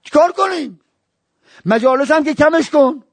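A man preaching a religious sermon, telling stories and breaking into high wailing cries and chanted verses. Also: lively intonation, no room sound. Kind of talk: Shia religious sermon with storytelling.

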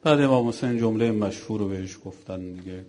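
A man's voice: fairly low pitch, warm tone, slight background noise. A man preacher giving an emotional religious mourning sermon, telling a story and exhorting his listeners.

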